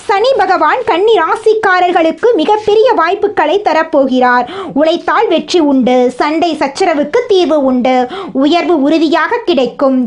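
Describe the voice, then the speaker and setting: A woman with a Tamil accent presenting astrology forecasts in short, steady declarative sentences. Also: very high voice.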